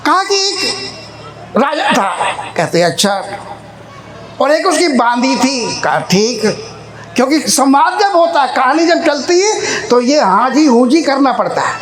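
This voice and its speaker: A preacher telling a parable in a sermon at an ashram gathering, animated and acting out the dialogue. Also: sits high, measured pace, a crowd in the background. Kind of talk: sermon storytelling. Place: ashram hall at a religious gathering. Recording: echoey hall.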